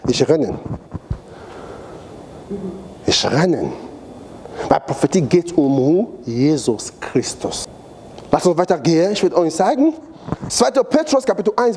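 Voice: mid-range voice, mellow, slight background noise. A preacher giving a sermon in a church, repeating phrases for emphasis and asking the congregation to fill in missing words. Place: church hall.

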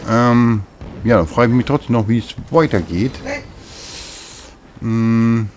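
A let's play host with a mid-range, somewhat dark voice talks slowly and casually about the video game he's playing, muttering to himself. Game music runs in the background, and there's a little hiss or hum on the recording.

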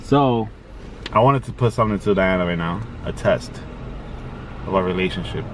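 A man's voice: low-pitched, moderate pace, distant mic, background noise. A man chatting and joking with his wife in a casual vlog. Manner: teasing, joking. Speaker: vlogger's husband.

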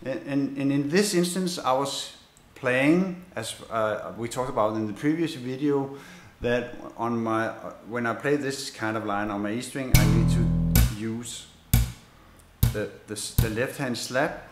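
Guy teaching bass, stop-start talk with fillers, counts beats out loud, roomy echo, loud bass playing behind. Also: loud music behind the voice. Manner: halting, many fillers and restarts, counting beats aloud. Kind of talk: instrument lesson demonstration.

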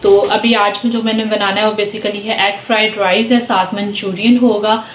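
A woman's voice: medium pitch, little pitch movement, normal speed, a little hiss or hum. A woman in her thirties with a Pakistani accent, chatting casually through a home vlog voice-over and explaining each step with lots of fillers. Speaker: home vlogger.

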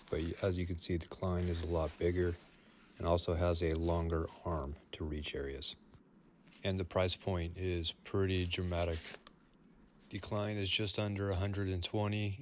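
A man's voice: low voice, a little hiss or hum. A man, a plumber, talking through a product review in an easygoing, plain-spoken way.

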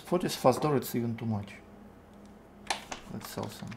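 A man in his twenties with a Russian accent, thinking aloud in halting fragments as he gives casual live game commentary. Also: medium pitch, gravelly, background noise. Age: 20s. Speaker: game streamer. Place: indoor room at a computer. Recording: music behind the voice. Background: music, keyboard typing.

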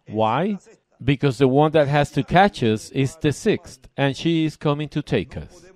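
A man from Puerto Rico preaching a sermon, reading passages aloud and explaining them in short, deliberate phrases. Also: on the high side, darkish tone. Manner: measured, emphatic, pauses between short phrases. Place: church service.

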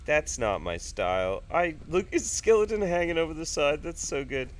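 Stuffed-up and nasal from blocked sinuses, this man in his thirties records casual let's play commentary at a home desk as a gaming YouTuber. He rambles, cracks jokes, and swears freely, his fairly high voice swinging widely in pitch at a moderate pace.

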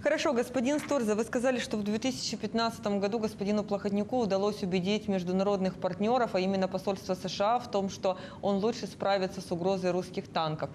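A woman's voice: mid-range voice, steady tone, quick pace, few pauses, darkish tone, a little hiss or hum. A woman in her thirties puts formal political interview questions as a TV host, on a lapel microphone in a studio. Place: indoor TV studio.

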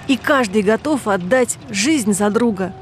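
A woman's voice: medium pitch, expressive, measured pace, a little hiss or hum. A woman reading a scripted, dramatic film promo as trailer narrator.

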